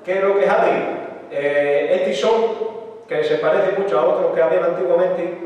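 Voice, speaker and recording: A man with an Extremaduran Spanish accent giving a lecture, his fairly high voice peppered with rhetorical questions. He is recorded from a distance in a hall with long, heavy reverb. The sound is somewhat dull and muffled. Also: steady tone, normal speed, a little mellow. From Extremadura, Spain. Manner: explanatory, frequent rhetorical tag questions. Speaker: lecturer on local dialect. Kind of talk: public talk. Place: hall with audience.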